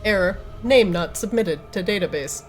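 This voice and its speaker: A woman game master voicing a glitching male robot archivist that speaks in flat, clipped machine phrases and gets stuck repeating error messages. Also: mid-range voice, moderate pace, faint music behind, natural voice.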